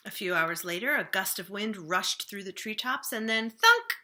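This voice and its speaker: Reading a children's picture book like a librarian, this woman is expressive and animated, her mid-range voice slowing to a hush and pausing dramatically at the suspenseful moments.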